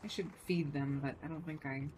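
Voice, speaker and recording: A woman's voice: deep voice, fast talker, noisy background. A woman game streamer chatting casually and thinking aloud as she plays, her delivery swinging between muttering and exclaiming. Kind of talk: casual gaming livestream chat. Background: music behind the voice.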